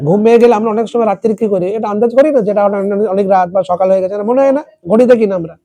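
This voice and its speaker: A tutor explaining an English text in Bengali, reading lines slowly and asking students word meanings. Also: female voice, medium pitch, mellow. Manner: asks students questions and repeats word meanings. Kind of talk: classroom lesson explaining a text.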